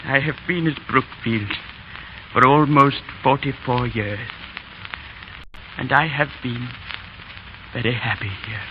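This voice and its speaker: In a noisy vintage 1930s radio broadcast with the highs cut off, a male actor plays an elderly English schoolmaster giving a farewell speech. His mid-range voice sounds close to everyday speech, and his delivery is halting, chuckling and sentimental, fond, donnish and gently humorous, as the old man is visibly moved.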